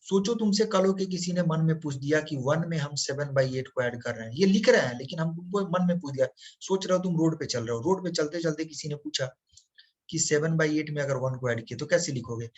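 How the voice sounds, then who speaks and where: A man's voice: fairly high pitch, fairly quick. Man teaching maths, quizzing students. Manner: asks students questions and answers them himself; calls the listener "beta", coaxing. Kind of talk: blackboard maths lesson.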